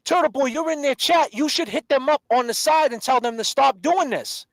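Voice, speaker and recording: A man's voice: extremely high pitch, normal speed, gravelly, dry recording, poor audio. A middle-aged man hosting a livestream, confrontational and heated, calling people out by name. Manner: confrontational, repeats names and calls people out directly. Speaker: livestream host.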